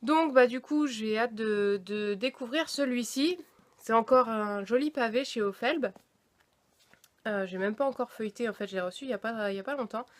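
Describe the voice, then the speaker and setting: A young woman casually showing her new books to the camera, chatty and hesitant, often pausing on fillers. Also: a little high. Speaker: book vlogger. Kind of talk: casual book haul vlog.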